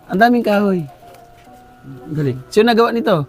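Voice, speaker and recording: A man's voice: sits high, lively intonation, a little fast, a little mellow, faint music behind. A man hosting a vlog, chatting casually and teasing his guest outdoors at a rural house. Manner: playful, teasing. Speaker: vlogger host. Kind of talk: casual chat.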